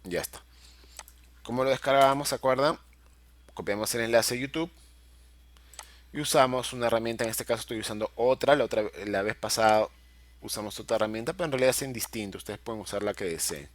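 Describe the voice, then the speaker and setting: Middle-aged male teacher, mid-pitched voice, patient step-by-step explainer, keeps checking in with the class. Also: quick pace, long pauses. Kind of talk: screen-recorded software tutorial.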